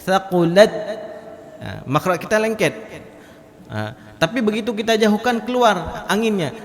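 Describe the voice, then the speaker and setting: Male Quran teacher, high voice, reverberant mosque hall, alternates explanation with chanted demonstrations. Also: expressive. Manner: explains letters then demonstrates with loud drawn-out recitation. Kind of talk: mosque tajwid lesson.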